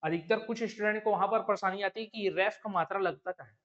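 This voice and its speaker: A man's voice: high voice, fast, a bit bright, muffled recording. A male teacher with a Chhattisgarhi Hindi accent giving an exam-prep lesson, explaining step by step and checking with rhetorical questions.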